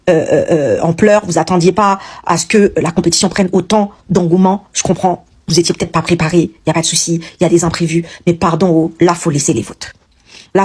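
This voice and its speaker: A woman's voice: mid-range voice, a little mellow, slightly rough. Chatty Haitian woman with Cameroonian accent. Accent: Cameroonian French. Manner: chatty, earnest, pleading advice with many fillers. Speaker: social media creator. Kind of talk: casual video message.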